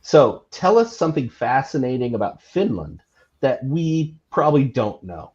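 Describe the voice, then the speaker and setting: A man's voice: mid-range voice, sing-song, normal speed, a little mellow. Cheery guy hosting a chat show, muffled sound, mid voice. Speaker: co-host. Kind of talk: casual podcast chat.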